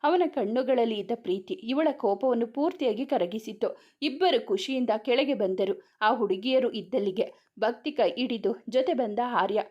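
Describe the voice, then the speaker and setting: Brief: woman storyteller, scripted narration, voice on the high side. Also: moderate pace, a little mellow, lo-fi sound.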